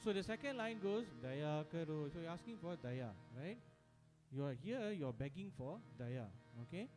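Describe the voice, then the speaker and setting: A man's voice: on the high side, lively intonation, moderate pace. A man teaching a devotional singing workshop, who talks conversationally, breaks into sung examples and keeps checking in with his audience. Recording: music playing behind.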